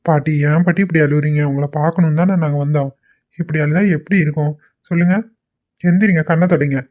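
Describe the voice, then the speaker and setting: Cartoon: flat-voiced, quick young husband, a man voicing him, caring, tinny dry recording. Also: fairly high pitch, no echo, close to an everyday voice. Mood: coaxing. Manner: concerned, coaxing. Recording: tinny, dry phone-like audio.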